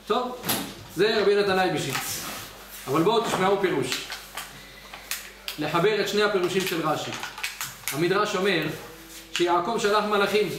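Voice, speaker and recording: A rabbi gives his weekly Torah class in a high, bright register. He tells the story with animation and acts out the voices in it. His voice rings around a very echoey study hall, picked up by a mic set some way off. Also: long pauses, far from the mic, noisy background. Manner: lively storyteller who acts out the quoted voices.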